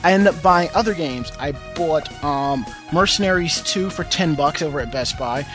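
A man's voice: on the high side, normal speed. A man hosting a podcast in casual banter, opinionated and given to emphatic repetition. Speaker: podcast host. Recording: music playing behind the voice.

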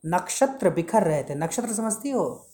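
A woman's voice: lowish voice, sing-song, moderate pace, warm tone. A woman teacher reading a story aloud and explaining it, stopping to ask and answer her own questions and to explain word meanings, with English words mixed in.

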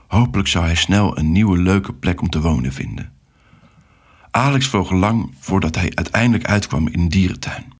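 A man narrating a children's story with an expressive, animated reading. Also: low-pitched, husky.

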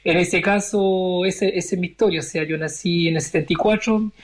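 A Chilean-born man in his forties, a member of parliament, answers interview questions in a measured way, pausing to search for his words. His voice is high-pitched.

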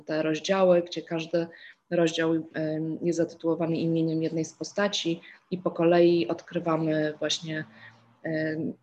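A woman with a hoarse voice moderating a book club discussion, reflecting on a book and inviting others to speak. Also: sits low, darkish tone.

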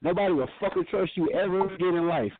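A man's voice: high voice, fast talker. A man from Georgia, calling into a show and chatting casually. He is laid-back and profane, and he repeats himself. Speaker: caller. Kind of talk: casual call-in chat. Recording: tinny phone-line audio, dry.

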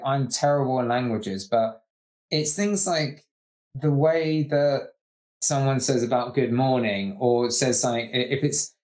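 A man from the UK in casual chat, rambling with lots of fillers and getting animated as he makes his points. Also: mid-range voice. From United Kingdom. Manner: rambling, heavy use of "like", animated.

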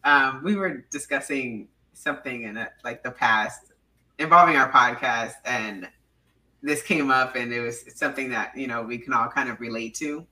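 Bright-voiced young woman hosting a podcast. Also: rumbling low, moderate pace, recorded from a distance, rough recording. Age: 20s. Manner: chatty, giggly, filler-heavy. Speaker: podcast host. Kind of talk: casual podcast chat.

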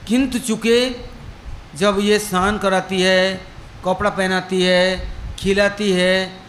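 A man's voice: sits high, little pitch movement, slow, a bit bright, slight background noise. A male preacher telling a devotional story in a sermon, acting out the characters' dialogue as he goes. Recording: echoey room with faint ambience.

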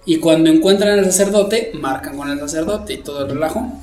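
A man telling a story in a casual podcast chat, animated and full of fillers. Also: on the high side, brisk, faint music behind. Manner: animated storyteller, acts out quotes, many fillers. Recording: roomy echo.

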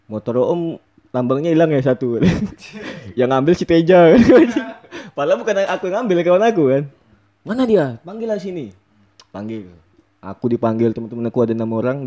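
A young man telling a story in casual chat, animated and laughing often as he acts out what people said. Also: medium pitch, lo-fi sound. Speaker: storyteller guest.

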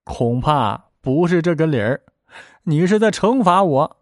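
A man's voice: on the high side, expressive, measured pace, dry recording, studio quality, pitched above the performer's own voice. A man putting on a sulky lovesick young woman. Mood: petulant.

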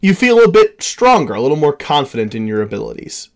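A playful game master narrates a tabletop role-playing session. The voice swings widely in pitch, jokes with the players and laughs often. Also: big pitch swings, quick pace, a crowd in the background.

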